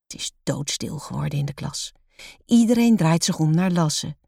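A woman reading a children's storybook aloud in a calm, measured way. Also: low-pitched, creaky, no echo, studio quality.

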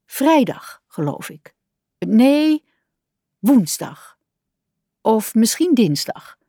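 A woman's voice: on the high side, very animated, very slow, warm tone, slightly rough, no room sound, studio quality, voice pushed up, full character voice. A woman voicing a muddled duck who is unsure of everything and answers hesitantly.

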